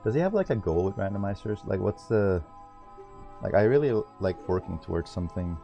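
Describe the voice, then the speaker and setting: A man's voice: low voice, expressive, a little fast, vocal fry, mellow, soft background music. A man giving casual livestream commentary on his own speedrun, informal and rambling as he thinks aloud.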